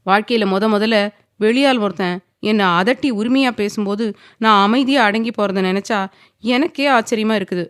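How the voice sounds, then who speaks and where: A woman voicing a timid yet defiant young woman who snaps back with sharp, indignant retorts. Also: on the high side, dry recording, studio quality, voice pushed up, lightly acted. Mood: inner grumbling.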